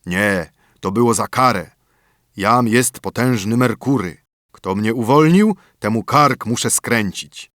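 A man voicing a menacing male giant spirit, speaking slowly and loudly in an audiobook fairy tale. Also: expressive, dry recording, clean studio sound. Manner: slow, loud and booming.

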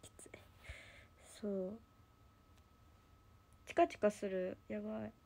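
A young idol livestream host with a Kansai Japanese accent chats casually, rambling through a story full of fillers. Her voice is medium in pitch, gravelly yet warm, with a level tone and a slow pace.

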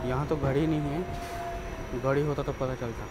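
A man's voice: little pitch movement, normal speed. A man vlogging casually from the open door of a moving local train at night, chatting and thinking aloud as he tries out station names. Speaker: travel vlogger. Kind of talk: casual on-the-spot travel commentary. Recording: loud train rumble over the voice.

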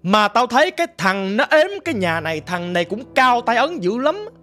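Man doing a gruff old sorcery master, blunt and scolding, faint music behind. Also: very high voice, sing-song, normal speed, pushed and bright, full character voice. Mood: grave.

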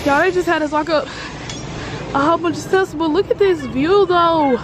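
A woman's voice: very high voice, moderate pace. A young woman chatting casually to a handheld camera in slangy, exclamatory bursts. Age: young adult. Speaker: vlogger. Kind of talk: casual vlog chat to camera. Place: outdoor lookout, then inside a cave. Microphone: handheld camera at arm's length. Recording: noisy handheld camera, busy crowd.

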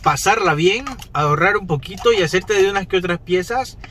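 A man in his thirties with a high, somewhat bright voice unboxes toys in a parked car at night, chatting casually and directly to viewers in an upbeat way. He keeps a moderate pace, and there's slight background noise. He's a toy collector vlogger.

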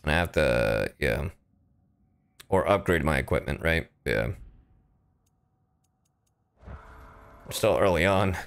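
With game sound and video game ambience behind him, this streamer plays and talks slowly in a very deep, creaky voice that is clear and resonant, leaving long pauses. His intonation is lively, and his profane, casual commentary alternates between exclaiming and muttering to himself.

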